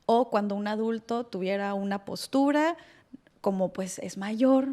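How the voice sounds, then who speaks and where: Animated woman psychologist explaining. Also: medium pitch, unhurried. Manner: animated, voices hypothetical clients in quotes. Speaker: psychologist guest. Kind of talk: conversational explanation.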